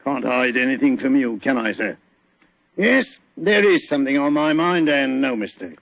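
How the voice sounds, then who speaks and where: A man's voice: mid-range voice, animated, normal speed, creaky, dry recording. An actor playing a plain-spoken, deferential police inspector, a man with a colloquial, chatty manner in old radio drama style. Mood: deferential, genial. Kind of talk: 1940s radio acting. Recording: muffled vintage radio recording.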